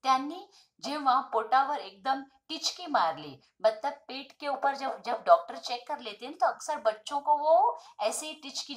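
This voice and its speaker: A woman tutor with a high voice goes through a school lesson, reading each line and then explaining it simply in an animated, storytelling way.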